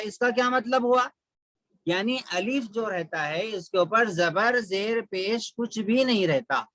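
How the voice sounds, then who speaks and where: Male reading tutor, high bright voice, patient repetition, dry close sound. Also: no room sound, rough recording. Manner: patient, repeats each rule slowly. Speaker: Quran reading teacher. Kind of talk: online class instruction.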